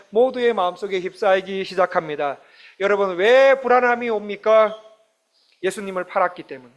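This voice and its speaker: A man preaching a sermon as pastor, impassioned, often acting out the voices of the people he speaks about. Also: sits high. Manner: impassioned, dramatically voices Jesus and disciples.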